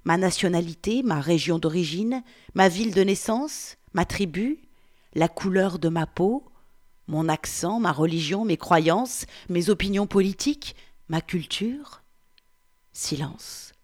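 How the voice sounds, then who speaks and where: A woman reading the part of a 47-year-old Frenchman, reciting in a slow, hushed, meditative way. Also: fairly low pitch, lively intonation. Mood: contemplative. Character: 47-year-old French man, pondering who he is. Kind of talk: reading a novel aloud.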